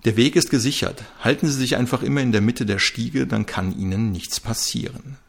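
A man voicing a calm, helpful night porter who reassures the police. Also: mid-range voice, a little fast, gravelly, slightly rough.

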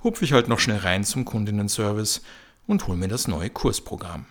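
A man voicing a chatty, fitness-obsessed young mother, his gravelly voice nudged higher for her. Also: animated, normal speed. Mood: resigned. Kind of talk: comic audio story.

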